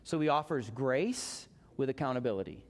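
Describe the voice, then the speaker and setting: A man's voice: mid-range voice, expressive, normal speed. A man preaching a sermon as pastor, talking in a conversational way and joking with his congregation. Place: church sanctuary. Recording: long church reverb.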